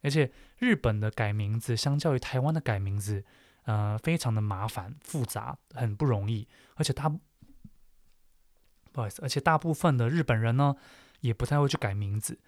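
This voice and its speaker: A man talks casually, working things out aloud and restarting his sentences. His voice sits at a middle pitch. The recording is dry and close, with no room sound. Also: normal speed, no room sound. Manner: chatty, thinks aloud with many fillers and restarts. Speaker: host. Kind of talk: casual solo chat explaining Japanese names.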